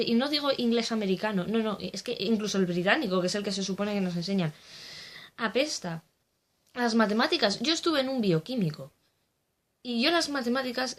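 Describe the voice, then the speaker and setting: A young woman from the Basque Country talking candidly in a casual monologue, blunt and sprinkled with swearing. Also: fairly high pitch. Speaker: vlogger.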